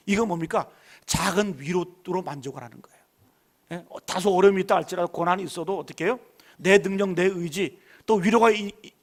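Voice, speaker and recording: A middle-aged man preaching a Friday night sermon as pastor, talking in a casual, colloquial way and often putting questions to the congregation. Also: sits high. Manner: preachy call-and-response, asking the congregation questions; colloquial storytelling about his daughters. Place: church sanctuary.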